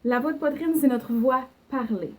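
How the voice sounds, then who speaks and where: A woman's voice: sits high, moderate pace, slight background noise. A young woman with a Québécois French accent giving an online singing lesson, explaining patiently with fillers and short sung examples. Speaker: singing teacher.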